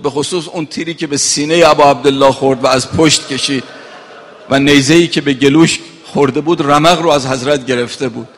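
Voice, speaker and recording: A man's voice: fairly high pitch, a bit bright. Impassioned preaching man in echoing hall. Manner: recites Arabic passages, rises to impassioned cries. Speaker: cleric. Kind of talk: mourning sermon.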